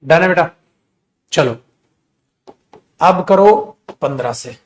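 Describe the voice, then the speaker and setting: Indian male tutor, middle-aged, high voice, unhurried, dictates then corrects, fond with students. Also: expressive. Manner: addresses students as beta, dictates sentences slowly then corrects quickly. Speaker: English teacher. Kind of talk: live online grammar class.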